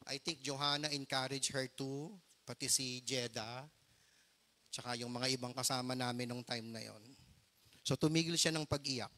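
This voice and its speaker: Bright-voiced middle-aged male pastor. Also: mid-range voice, fairly even intonation, moderate pace. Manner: earnest, mixes English into his Tagalog. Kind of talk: storytelling sermon.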